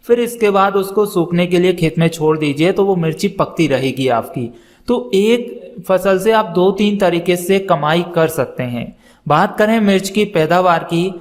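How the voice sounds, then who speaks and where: A man with a notably high-pitched voice narrates an instructional farming video. He gives practical, advisory explanations and walks listeners steadily through numbers and methods. He speaks directly to viewers as fellow farmers. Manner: steady explanatory delivery of figures and doses.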